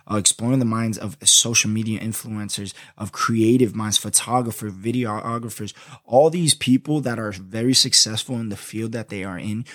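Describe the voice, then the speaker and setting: Laid-back young Florida man, deep voice. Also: fairly bright tone, no room sound, clean studio sound. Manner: laid-back slangy talk with frequent "you feel me". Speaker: podcast host. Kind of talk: solo podcast intro.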